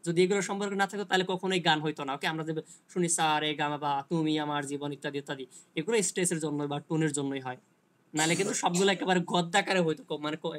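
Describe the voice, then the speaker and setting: A man giving an online linguistics lecture who explains slowly, reads English passages aloud and answers students by name. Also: high voice, fairly bright tone. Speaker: teacher.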